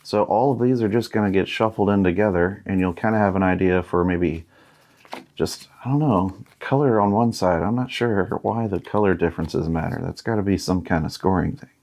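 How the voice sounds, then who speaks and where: A man in his thirties hosts a board game unboxing, his low, darkish voice moving fairly quickly as he muses aloud in a laid-back way and reads out bits along the way.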